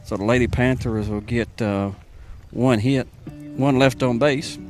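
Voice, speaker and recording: A middle-aged man with a Tennessee accent doing casual, folksy play-by-play for a high school softball game. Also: steady tone, a little slow, faint music behind. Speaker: play-by-play announcer. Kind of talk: local radio sports commentary.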